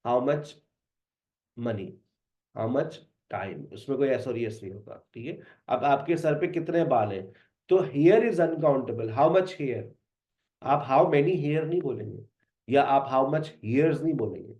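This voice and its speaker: Man, forties, English teacher, slow listed drills, echoey room. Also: mid-range voice, expressive, dark tone, muffled recording. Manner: drills example phrases in slow repeated lists. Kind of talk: classroom lecture.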